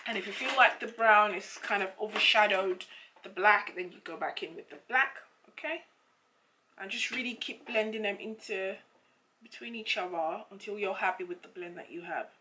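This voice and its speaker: Bright, slightly froggy-voiced woman, chatty. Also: mid-range voice, normal speed, a little hiss or hum. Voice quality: slightly croaky, froggy morning voice. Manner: chatty, informal, explains step by step. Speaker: makeup vlogger. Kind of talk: casual makeup tutorial chat.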